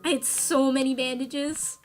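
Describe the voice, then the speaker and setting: A woman's voice: high voice, fairly even intonation, a little slow, soft background music. A woman streamer telling a rambling, self-mocking story while she plays a game, with sudden cries of frustration. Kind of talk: casual storytelling while gaming.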